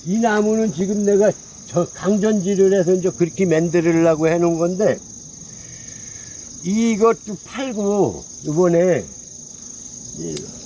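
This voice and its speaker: A high-pitched, mellow man walks through a casual, hands-on pruning demonstration outdoors. He talks in a folksy, repetitive way as he points at the branches. Faint crickets chirp behind him. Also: measured pace, pauses often, slight background noise, rough recording. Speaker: pine tree grower. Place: outdoors among pine trees in the countryside.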